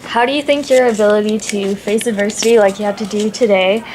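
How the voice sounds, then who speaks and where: A woman's voice: medium pitch, steady tone, brisk. A teenage girl hosting an interview, asking casual questions with hesitations and fillers. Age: teens. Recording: noisy background.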